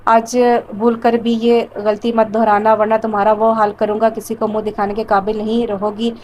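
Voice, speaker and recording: A woman's voice: mid-range voice, completely flat delivery, a little mellow, a little hiss or hum, close to an everyday voice, rough recording. A woman voicing a threatening young man, a vengeful stalker villain in an audio novel. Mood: menacing. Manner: threatening, overbearing.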